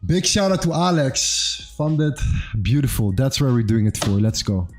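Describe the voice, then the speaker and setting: Speaking a little slowly but very animated, a medium-pitched man in his twenties hosts an upbeat trading livestream. Faint music sits under his casual market commentary, which is full of "bro" and "amazing."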